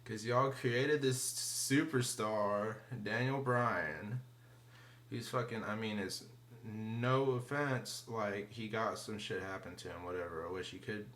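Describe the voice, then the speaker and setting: A man's voice: lowish voice, slow, a bit bright. A man rambling through a casual wrestling review, profane and slangy, full of fillers and often trailing off into mumbles. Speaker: wrestling vlogger.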